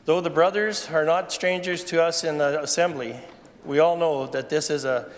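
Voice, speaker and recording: A Canadian legislator, a man with a fairly high voice, reads a formal statement and trips over words now and then. The chamber around him has long reverb. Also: fairly even intonation, normal speed. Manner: stumbles over his reading. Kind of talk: formal prepared parliamentary statement. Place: large indoor legislative chamber. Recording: reverberant chamber with faint noise.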